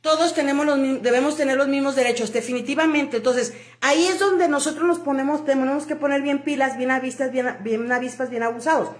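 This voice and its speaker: A woman's voice: sits high, steady tone, a little fast, few pauses, roomy sound. A woman from Mexico giving an emphatic opinion monologue about immigration, full of rhetorical questions and fillers. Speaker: immigration commentator.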